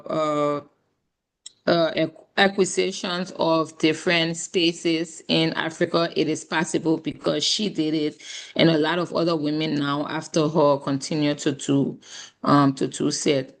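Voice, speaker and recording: A hoarse woman with a Liberian accent delivers a formal keynote over a video call from a remote rural spot. Her voice sits low and sounds strained and worn. She talks earnestly, with frequent ums and uhs. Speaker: keynote speaker, government minister. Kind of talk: keynote address. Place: rural area, joining remotely. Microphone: video call, camera off.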